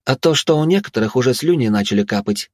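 An exasperated young woman head of students begs her friends to behave, voiced by a man reading a storybook. The voice sits higher than his own and pleads. The recording is dry and close. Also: fairly quick, dry recording, lightly acted. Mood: pleading. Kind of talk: audiobook character voice.

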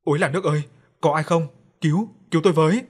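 A man's voice: fairly quick, slightly rough. A man doing a panicked stubborn old woman. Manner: panicked, shrill pleading.

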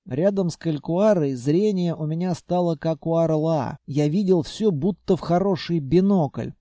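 A man narrating an audiobook in a measured, wry manner. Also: fairly high pitch, dark tone, no echo, studio quality.

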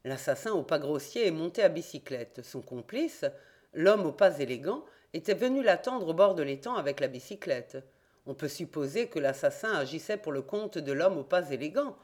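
A woman narrating an audiobook of a classic detective novel in an expressive storytelling manner. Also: sits low, moderate pace.

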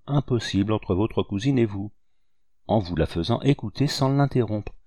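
A man reading the part of a shrewd, good-natured old hunter in an audiobook, speaking with calm assurance. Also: lowish voice, gravelly, no room sound, studio quality.

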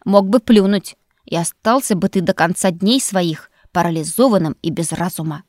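A woman's voice: fairly low pitch, moderate pace, no room sound, studio quality, lightly acted. A woman voicing a grumpy, strict female faculty keeper who scolds and scoffs. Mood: scolding. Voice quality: scolding, sharp and sceptical. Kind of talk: audiobook character voice.

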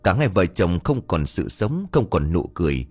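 A man narrates a tragic audiobook tale in a somber, mournful way. His voice is very deep and husky, with wide swings in pitch. Faint music plays behind him. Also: big pitch swings, normal speed.

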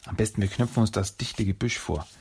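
A man's voice: on the low side, a little fast, a little mellow, husky. A man voicing an eager, joking young male mutant turtle in a storybook reading.

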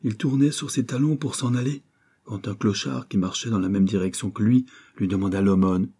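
Guy reading a classic novel, deep mellow voice, measured. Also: breathy edge. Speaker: audiobook narrator. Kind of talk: scripted literary narration.

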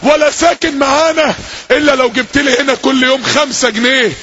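A man's voice: very high-pitched, steady tone, brisk, fairly bright tone. A man voicing a stern father with an Egyptian accent, bluntly ordering his grown son to earn his keep. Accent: Egyptian Arabic. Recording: dull lo-fi recording with faint hiss.

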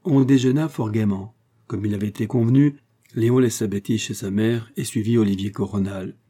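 A man reading a classic novel aloud as audiobook narrator, measured and even. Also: on the low side. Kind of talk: scripted narration.

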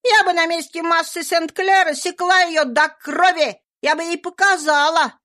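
Woman doing a cranky bossy maid, all worked up and blustery, high voice. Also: steady tone, normal speed, bright, forceful tone. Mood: indignant. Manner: indignant, blustering. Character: indignant harsh housemaid.

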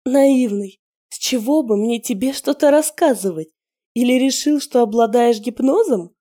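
A woman reader performs a spiteful female werewolf, voiced higher than the narration. Her delivery is sneering and taunting, with shrill edges, over a warm, mellow tone. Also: moderate pace, close to an everyday voice. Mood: mocking. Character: scheming middle-aged female werewolf, spiteful and mocking.

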